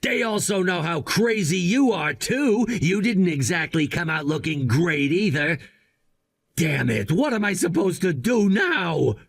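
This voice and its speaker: A man's voice: high-pitched, very animated, unhurried, gravelly, full character voice. A man playing a disgraced, self-pitying husband in a dramatized story, whiny, defensive and desperate. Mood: bitter, defensive.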